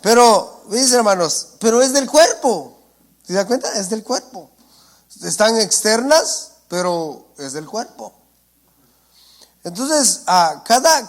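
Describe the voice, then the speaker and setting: A male preacher, giving a sermon and often asking his congregation "¿entiende?". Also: high voice. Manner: asks the congregation for assent, calls them brothers. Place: church.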